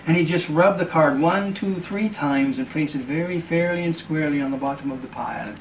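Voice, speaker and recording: A man with a slightly higher voice spins a slow, deliberate story as he does a card trick. He is a bit distant from the mic. A faint hiss of background noise sits behind him. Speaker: magician.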